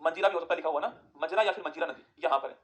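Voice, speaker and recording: A man teaching an exam-prep geography lesson, firing quick questions at students and answering them himself. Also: on the high side.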